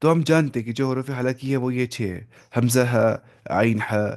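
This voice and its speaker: A man teaching the rules of Quran recitation in a casual lesson, often slipping in English terms and modelling examples slowly. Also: medium pitch, steady tone, a little mellow. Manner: explains, then models slow drawn-out recitation; mixes English terms into explanations.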